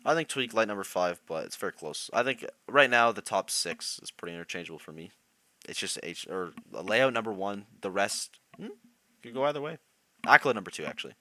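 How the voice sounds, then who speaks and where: Lively low-voiced male streamer. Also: brisk. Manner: chatty, reacting to chat, laughs often. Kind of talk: casual live-stream commentary.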